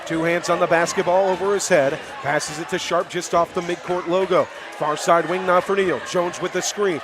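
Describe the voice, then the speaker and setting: This radio play-by-play man at a high school basketball game speaks at a normal speed in a high-pitched voice with fairly even intonation. He cheers for the home team and lets out exclamations on big plays over heavy crowd noise and bouncing balls.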